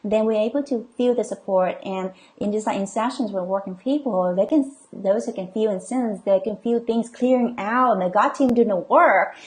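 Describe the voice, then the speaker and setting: A woman's voice: mid-range voice, normal speed, few pauses. Woman coach reassuring her live viewers. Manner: reassuring, many okays and ums, reads comments aloud. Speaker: coach and healer hosting a live session. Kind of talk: live-stream talk reading viewer comments.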